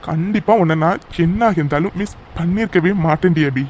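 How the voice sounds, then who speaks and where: A man's voice: a little high, a little fast, a little mellow, a little hiss or hum, close to an everyday voice. A young man voicing a devoted young lover in a cartoon, speaking earnestly and affectionately with a teasing edge. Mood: tender. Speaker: narrating voice actor. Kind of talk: cartoon voice acting.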